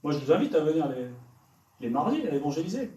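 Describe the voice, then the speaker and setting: A man's voice: a little high, very animated, fast, mellow, dull audio. A man preaching to young people, pressing them with direct questions. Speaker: evangelist preacher. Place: church hall. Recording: echoey church hall, from far off.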